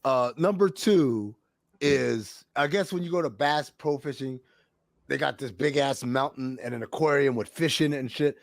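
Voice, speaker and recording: A man's voice: medium pitch, normal speed, vocal fry, no echo, studio quality. A man co-hosting a podcast, casually telling a crude news story with frequent laughter. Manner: loose storytelling, laughs often, profane. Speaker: podcast co-host. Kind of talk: casual chat.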